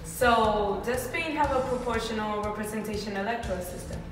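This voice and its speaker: In this staged mock news interview, a female student takes the role of a cheerful survey reporter. Her voice sits in the mid range and moves at a normal speed, captured from far off in a reverberant hall over background music.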